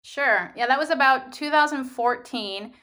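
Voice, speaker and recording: A woman's voice: high voice, measured pace, bright, forceful tone. A woman speaking as an interview guest, recounting her experiences in a casual, conversational way. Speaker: podcast guest, online seller.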